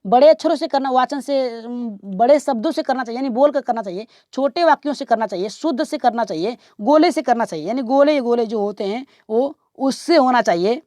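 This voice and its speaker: A woman's voice: a little high, brisk, few pauses, a little mellow, no echo, studio quality. A woman giving an exam-prep lesson, explaining each question step by step, repeating the answers and asking viewers to reply. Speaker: teacher.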